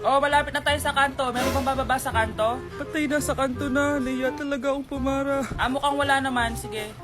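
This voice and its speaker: A woman's voice: high voice, steady tone, brisk, voice pushed down, natural voice. Woman doing a shy filipino girl mumbling to herself, music in the back. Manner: soft, bashful muttering. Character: shy young Filipino daughter. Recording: echoey room with music behind.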